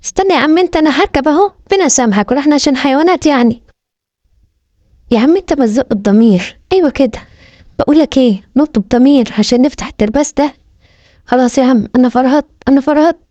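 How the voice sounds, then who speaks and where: A woman's voice: sits high, animated, fast talker, mellow, no echo, highs cut off. A woman with an Egyptian accent doing comic voice-overs for animal clips in playful, bantering colloquial speech. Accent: Egyptian Arabic. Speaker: comic voice-over dubber.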